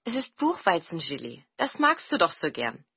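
A woman's voice: fairly low pitch, wildly swooping pitch, normal speed, husky, dry recording, lo-fi sound, exaggerated voice. Woman doing a good-hearted young village boy. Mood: friendly. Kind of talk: storybook reading.

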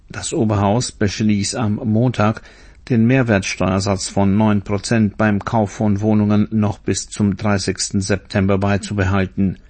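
Lowish-voiced man reading the news. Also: darkish tone. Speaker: newsreader. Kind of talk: scripted news bulletin.

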